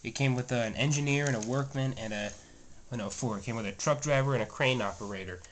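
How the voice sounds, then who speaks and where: A toy train vlogger, a man with a medium-pitched, stuffy and slightly scratchy voice, talks fast and casually as he shows off the train room in his home. He rambles, uses lots of fillers, and keeps correcting himself. A handheld camera mic held close captures him, with a faint clicking underneath.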